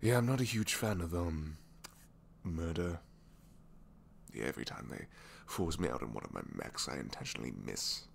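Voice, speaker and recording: A man's low voice, animated and edged with vocal fry, comes at normal speed over slight background noise. He's performing a one-sided ASMR roleplay as a reluctant supervillain inventor with a hidden kind streak, weary and wry. Hesitant and self-deprecating, he rambles, sighs, trails tag questions and sometimes sinks to a whisper.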